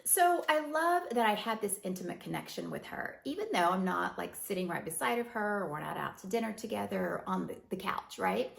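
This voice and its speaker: A woman's voice: medium pitch, lively intonation, brisk, gravelly, hardly any pauses, roomy sound. A woman hosting her own show, talking casually and rambling, laughing often, from her office. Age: adult with teenage daughter. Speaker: podcast host. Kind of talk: unscripted casual monologue. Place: home office with windows.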